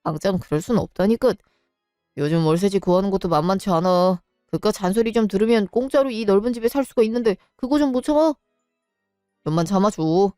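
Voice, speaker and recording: A weary, defensive young husband, as a woman narrator puts him on in a storybook drama. He pleads in a lowered, smooth tone. Dry, close sound with faint music. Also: a little fast, warm tone, no room sound, natural voice. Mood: pleading. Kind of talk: storybook voice acting.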